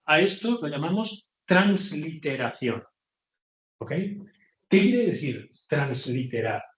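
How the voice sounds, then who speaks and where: A man lecturing to a class, speaking in a somewhat high voice. He explains step by step and keeps pausing to check that the students follow. His voice rings with the echo of a roomy classroom. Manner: explains patiently, often checks in with "ok?". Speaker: teacher.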